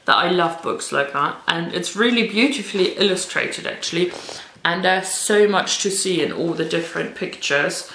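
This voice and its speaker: A woman's voice: lowish voice, moderate pace, sharp tone, a little hiss or hum. A woman chatting informally in a casual vlog style as she recommends books, with self-deprecating asides. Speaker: children's book reviewer. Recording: roomy, echoey indoor sound.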